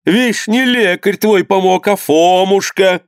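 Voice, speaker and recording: A man voicing an old peasant-era mother who wails and grumbles crossly, in a drawn-out lament style. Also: mid-range voice, no room sound, clean studio sound, lightly acted. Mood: overjoyed. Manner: wailing folk lament, drawn out. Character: old woman, wailing grieving mother, cross.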